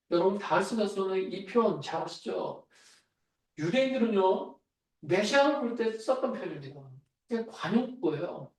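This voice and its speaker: A man's voice: high voice, a little mellow. A man preaching a sermon as pastor, speaking in a conversational way and asking the congregation questions. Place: church sanctuary. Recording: echoey church hall, voice from far off.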